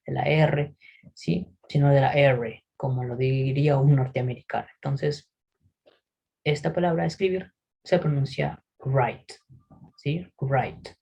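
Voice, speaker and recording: A man teaching English pronunciation in a recorded lesson, patiently explaining and often checking in with a quick "¿sí?". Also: fairly high pitch, creaky, dark tone, breathy edge, lo-fi sound. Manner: models English words slowly for repetition.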